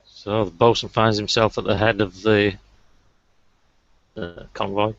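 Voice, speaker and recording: A man's voice: on the low side, little pitch movement, unhurried, dull audio. A man narrating a tabletop game as game master, hesitant with many fillers.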